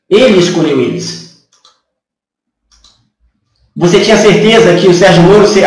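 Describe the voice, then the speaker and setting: A Brazilian man with a very high-pitched voice delivers a sarcastic opinion piece, firing off rhetorical questions. He sits a few feet from the camera in a small bare room, and his voice bounces around the walls. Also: recorded from a distance. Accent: Brazilian Portuguese. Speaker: channel host. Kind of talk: political opinion monologue. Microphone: camera from a few feet away. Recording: echoey room, voice a bit off-mic.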